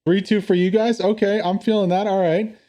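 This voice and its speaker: A man's voice: sits high, flat delivery, a little fast, dark tone. A man hosting a casual interview with esports team commanders, friendly and talkative with many fillers.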